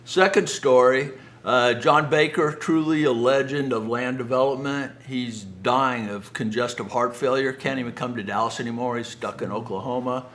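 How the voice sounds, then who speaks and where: A middle-aged home builder tells business anecdotes in a folksy, conversational style, often acting out quoted dialogue. His voice sits at medium pitch with a fairly bright tone.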